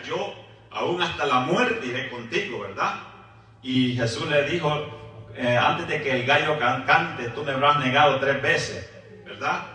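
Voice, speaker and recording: A man preaching a sermon, often adding "right?" and praise asides, with halting repeated words. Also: medium pitch, bright, forceful tone. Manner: frequent "¿verdad?" and "gloria a Jesús" asides. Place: church hall. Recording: echoey church, mic at a distance.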